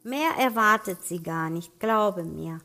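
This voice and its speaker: A woman reading an audiobook, voicing a patient, gentle mother who talks softly and calmly to her daughter. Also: fairly low pitch, slow, faint music behind, voice pushed down, exaggerated voice. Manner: soft and calm.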